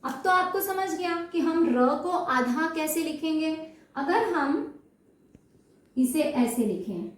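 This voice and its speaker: A woman's voice: high-pitched, animated, slow. A woman teaching Hindi spelling to children, drawing out syllables to model how they sound and often checking that they follow. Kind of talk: slow explanatory lesson. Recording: echoey room, mic at a distance.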